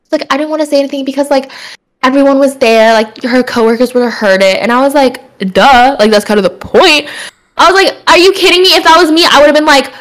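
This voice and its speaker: A woman's voice: sits high, quick pace. A young woman telling a long story in a casual chat, laughing often and acting out what people said. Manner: animated, laughs often, acts out quotes.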